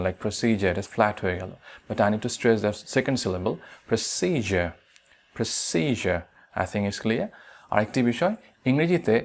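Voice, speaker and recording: Bangladeshi man teaching English pronunciation. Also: mid-range voice. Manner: slow deliberate model words, repeats them. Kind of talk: online pronunciation lesson.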